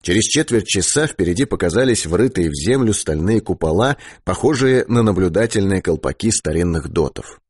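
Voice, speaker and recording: Lively, husky male audiobook narrator. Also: low-pitched, normal speed, hardly any pauses, dry recording, studio quality. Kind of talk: audiobook reading of science fiction.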